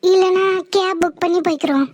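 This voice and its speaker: A woman's voice: very high voice, fast talker, darkish tone, dry recording. A woman voicing an eager, helpful young sister-in-law in a cartoon. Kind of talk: cartoon voice acting.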